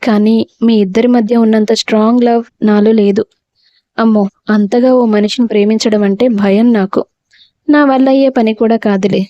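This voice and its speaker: A woman's voice: fairly high pitch, steady tone, normal speed, dark tone, dry recording, muffled recording, natural voice. Woman playing a sarcastic young city wife. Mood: resolved. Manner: sarcastic, pointed.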